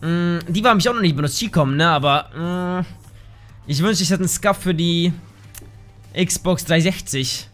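Excitable young German gamer, high voice. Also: male voice, normal speed, faint music behind. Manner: excitable, yelps and swears at the game. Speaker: gaming YouTuber. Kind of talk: casual gameplay commentary. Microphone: desk microphone.

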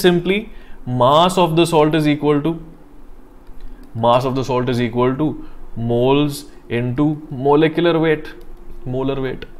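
A man with a North Indian accent teaching a live online class step by step, deliberate, repeating himself and often checking understanding with questions. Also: medium pitch. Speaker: chemistry teacher.

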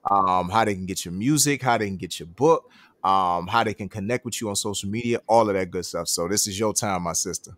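A man's voice: lowish voice, brisk, a bit bright, no echo. A man hosting an interview show, affirming his guest and inviting her to promote her work. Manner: affirming, encouraging. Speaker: host.

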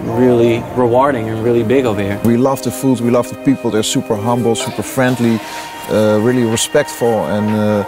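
A man's voice: medium pitch, fairly even intonation, a little fast, few pauses. A man talking in an upbeat, enthusiastic way in a documentary interview. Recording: music bed under voice.

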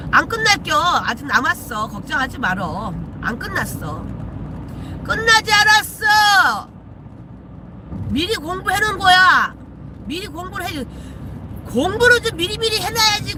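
A woman's voice: sits high, background noise. A woman, a shaman chatting casually with viewers on a live stream from her car, teasing and swearing freely. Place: in a car while driving.

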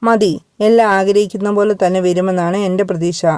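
A woman voicing a gentle, caring young man who speaks calmly and reassuringly in a storybook reading. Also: medium pitch, normal speed, clear, resonant tone, no room sound, clean studio sound, close to an everyday voice. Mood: hopeful.

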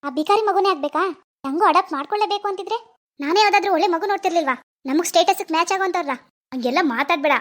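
A woman voicing a snobbish, bossy middle-aged mother in a cartoon, who talks in a sharp, condescending way. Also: very high-pitched, fast. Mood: scornful.

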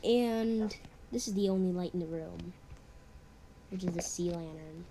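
A woman's voice: on the low side, a little slow, mellow, a little hiss or hum. A young woman giving a casual walkthrough of her game map, rambling and leaning on "pretty much". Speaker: map builder giving a tour.

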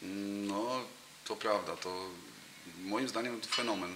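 Slow and sharp-toned, this lowish male voice belongs to a thirty-something football coach being interviewed. His talk is casual and full of fillers and false starts, picked up by a table mic in front of him in a noisy, echoey cafe room with a brick wall and a sofa.

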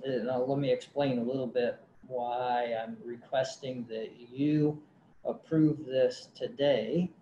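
Man presenting to a county board, mellow and halting, echoey meeting-room sound. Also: mid-range voice, highs cut off. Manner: hesitant, many fillers and restarts. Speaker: county conservation director. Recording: roomy meeting-room audio, faint hum.

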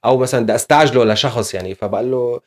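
A man's voice: medium pitch, very fast. A man teaching German in a casual video lesson, explaining step by step with frequent fillers.

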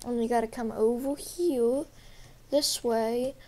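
This gaming YouTuber, a young woman who is ill and slightly hoarse, walks through a game in a casual, rambling way, hesitating and leaning on fillers. Her voice is fairly high and warm, with fairly even intonation and a slow pace.

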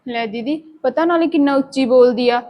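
A woman's voice: sits high, moderate pace, darkish tone, close to an everyday voice. A woman playing a fed-up daughter-in-law who keeps complaining about her mother-in-law. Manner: complaining, mimics others' voices in quotes. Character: fed-up young daughter-in-law, gossiping and bitter. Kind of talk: short-film dialogue.

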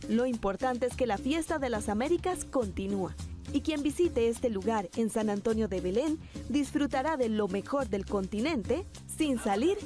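A woman narrating a TV news feature in a smooth, scripted voice-over. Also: a little high, normal speed. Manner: smooth, steady voice-over delivery. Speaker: TV reporter narrator. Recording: voice-over with music bed.

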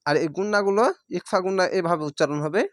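A man teaching Quran reading, with a Bangladeshi Bengali accent, who spells out each syllable slowly and stretches the vowels. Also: high voice, no room sound, clean studio sound. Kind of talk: spelling-out recitation lesson.

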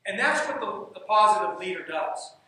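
Speaking at a normal pace with animation, a man with a high, bright, forceful voice gives an emphatic leadership and coaching talk, frequently repeating key phrases. He's on a dark stage in a large hall, heard from a distance amid echo.

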